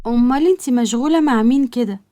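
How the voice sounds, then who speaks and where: Skeptical protective sister, Egyptian accent, mocking warnings, fast, voiced by a woman narrator. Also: on the high side, mellow, close to an everyday voice. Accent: Egyptian Arabic.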